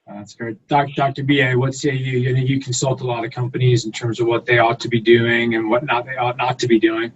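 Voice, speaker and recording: A man's voice: medium pitch, little pitch movement, brisk, hardly any pauses, slightly rough, lo-fi sound. A man hosting a panel discussion and putting questions to his guests conversationally. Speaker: panel host. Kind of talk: conversational interviewing.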